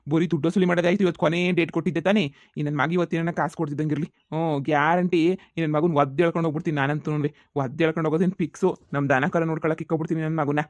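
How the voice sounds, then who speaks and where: A quick-talking cartoon moneylender, voiced by a man, pushy and threatening as he demands payment. His comes through over a dry, close recording with no room around it. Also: on the high side, darkish tone, dry recording, close to an everyday voice. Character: pushy, foul-mouthed village moneylender man. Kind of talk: cartoon comedy voice acting.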